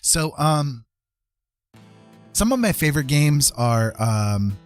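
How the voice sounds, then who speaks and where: A middle-aged digital artist chats casually with his livestream viewers while music plays, rambling and hesitating as he goes. His voice sits on the high side, sing-song and slow.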